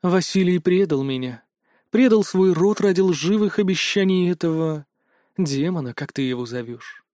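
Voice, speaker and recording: A man voicing a sad, soft-spoken female fir tree goddess in an audiobook. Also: high-pitched, lively intonation, normal speed, dry recording, clean studio sound. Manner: soft, sad, without reproach.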